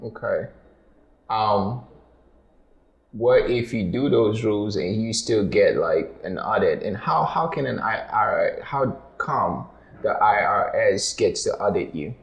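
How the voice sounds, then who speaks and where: Gravelly casual podcast host, man. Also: lowish voice, slow pace, reverberant, poor audio. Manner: relaxed, filler-heavy, playful questions. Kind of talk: casual interview.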